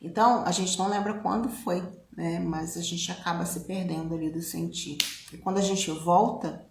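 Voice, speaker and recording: A woman with a Brazilian Portuguese accent speaks in a reflective, conversational way, often ending thoughts with tag questions. Her voice sits low and has a gravelly edge. The recording has a noticeably roomy echo. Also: fairly even intonation, moderate pace, a little mellow, slight background noise. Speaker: speaker on self-knowledge. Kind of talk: reflective personal talk.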